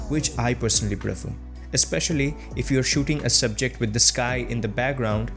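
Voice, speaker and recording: Male tutorial host, mid pitch, tidy and encouraging advice delivered step by step, faint music underneath. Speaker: host of a tech tutorial channel. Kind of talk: scripted tutorial narration, addressing viewers. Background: background music.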